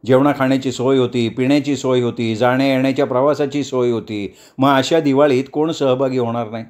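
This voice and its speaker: A man narrating a novel as an audiobook, with dramatic, lively storytelling. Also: medium pitch, brisk.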